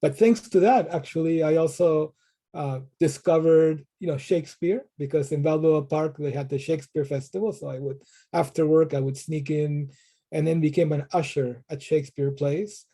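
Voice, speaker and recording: Speaking at a moderate pace with a steady, dark tone, a middle-aged man from Peru answers interview questions in a thoughtful way. His voice sits a little high, and he's a professor who often repeats words when he starts over.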